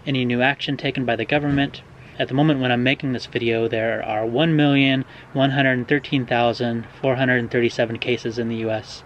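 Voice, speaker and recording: A young American man talks through viewer questions in a laid-back vlog, pausing often on ums and uhs. His voice sits at an ordinary middle pitch. A faint hum of background noise runs under the recording. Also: lo-fi sound. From Oregon, USA. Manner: relaxed, hedging, many ums and uhs. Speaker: vlogger answering viewer questions. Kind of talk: casual explanatory vlog.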